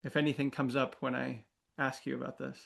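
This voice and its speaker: Gravelly-voiced American man hosting a podcast. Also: mid-range voice, level tone, fairly quick. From United States. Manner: gentle, affirming listener with frequent murmured agreement. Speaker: podcast host. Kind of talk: interview conversation.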